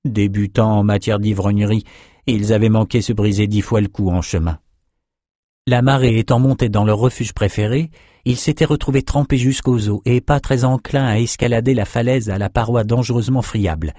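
Low-voiced male audiobook narrator. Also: moderate pace, warm tone, no room sound, studio quality. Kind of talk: scripted narration.

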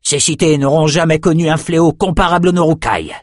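A man's voice: on the high side, fairly even intonation, a little fast, no echo, studio quality, pitched above the performer's own voice, close to an everyday voice. A man playing a grim, ruthless warrior captain. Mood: fierce.

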